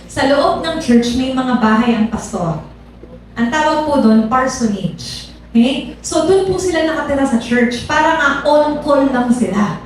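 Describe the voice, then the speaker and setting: A woman's voice: sits high, expressive, unhurried, slight background noise. A woman giving her personal testimony in church, talking conversationally to the congregation and asking them rhetorical questions. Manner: conversational, code-switching, addresses audience with rhetorical questions. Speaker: testimony speaker. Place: large church hall. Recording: echoey hall from far off.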